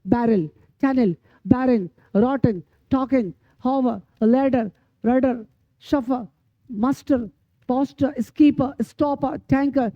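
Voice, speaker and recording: A woman with a high voice teaches pronunciation at an unhurried pace, drilling long lists of words and answering her own questions. Her voice is dry and close, with a dull, lo-fi sound. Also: no echo. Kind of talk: classroom-style lesson.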